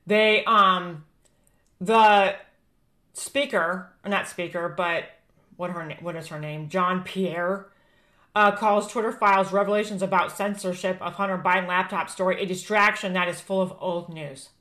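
A woman's voice: fairly low pitch, steady tone, unhurried, fairly bright tone. An American woman presenting prophecies informally, reading aloud and adding emphatic, admonishing asides.

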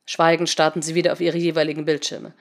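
A woman narrating a German story in a calm, even storytelling way. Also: deep voice, fast. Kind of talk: audiobook narration.

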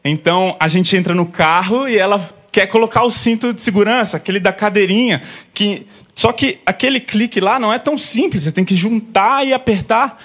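A man in his thirties preaching as a pastor, telling lively stories about his young daughters and acting out their conversations. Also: high voice, brisk. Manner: lively storyteller, acts out family scenes. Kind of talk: sermon with personal anecdotes.

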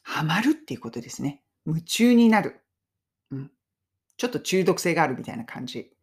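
A woman hosting a casual podcast lesson on English phrases, chatty and upbeat, laughing often and slowing down to drill phrases. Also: sits low, very animated, a little mellow, slightly rough.

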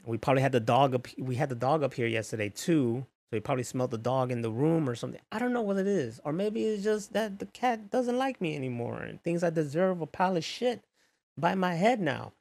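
A man telling a loose, profane story in a casual, animated monologue. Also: fairly high pitch, brisk, gravelly.

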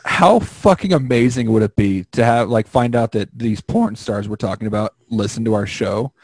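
A man hosting a podcast, chatting casually, loud, crude and joking, over a remote call. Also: on the low side, moderate pace, no room sound. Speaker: podcast host. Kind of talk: casual chat.

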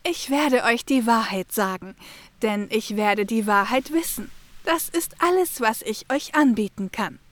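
A woman's voice: a little high, lively intonation, no echo. A woman playing a smug old know-it-all fortune-teller. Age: older. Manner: self-satisfied, slow and deliberate. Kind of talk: amateur radio play acting.

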